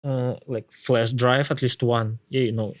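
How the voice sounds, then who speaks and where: A man with a Slavic accent talking casually about tech, haltingly, often repeating words as he thinks aloud. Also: mid-range voice, flat delivery, no echo, studio quality.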